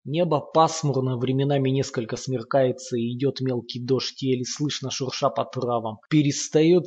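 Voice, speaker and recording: A man narrating a horror novel in a grim, steady storytelling manner, in a muffled lo-fi recording. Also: mid-range voice, slightly rough. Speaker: audiobook narrator.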